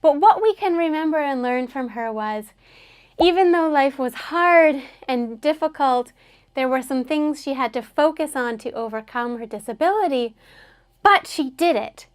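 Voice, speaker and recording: A woman's voice: high voice, animated, normal speed. A woman teaching an English lesson, patiently explaining words and having learners repeat them after her.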